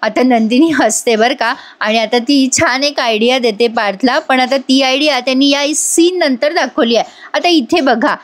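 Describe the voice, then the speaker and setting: A woman hosting a TV serial recap, talking to her viewers in a lively, chatty way. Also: sits high, normal speed, hardly any pauses. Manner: lively, addresses viewers directly.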